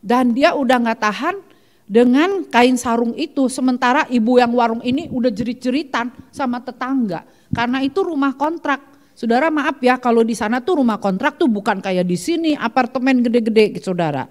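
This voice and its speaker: A woman pastor preaches to her congregation in an animated way, acting out voices in her stories and turning often to the listeners. Her voice sits a little higher than most women's. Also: normal speed, in a large hall. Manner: animated preaching, constantly addressing the congregation as "saudara". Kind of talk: sermon. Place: church.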